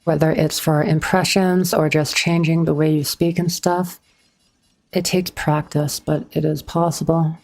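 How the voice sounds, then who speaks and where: A woman's voice: low voice, level tone, a little slow, darkish tone. A woman streamer chatting casually with her viewers as she plays, a little awkward, answering chat on a streaming microphone.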